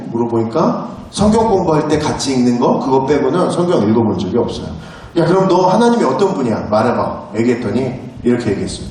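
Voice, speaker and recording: A man's voice: mid-range voice, darkish tone. A man in his thirties preaching a sermon in a church, telling a story and acting out the lines of the people in it. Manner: storytelling, acts out dialogue. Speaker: pastor. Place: church sanctuary. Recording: very echoey hall, distant mic.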